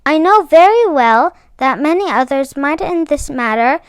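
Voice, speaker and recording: A read-aloud book club host with a notably high voice reads a children's picture book, taking her time and placing each phrase deliberately while stressing the key words. Her intonation is lively, and the sound is dry with no room sound around her.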